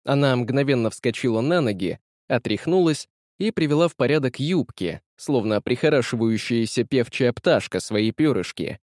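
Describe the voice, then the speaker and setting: A man reading a classic novel aloud in a measured, expressive audiobook style. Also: mid-range voice, no echo, clean studio sound. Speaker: audiobook narrator.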